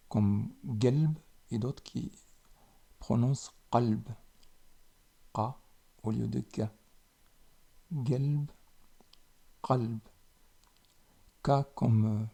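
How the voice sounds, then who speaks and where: A man teaches a language lesson, saying each word slowly and then repeating it. His voice is very dark and mellow, with a gravelly edge. It also sounds a little husky. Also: mid-range voice. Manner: slow and deliberate, repeating each word with pauses. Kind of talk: slow spoken lesson.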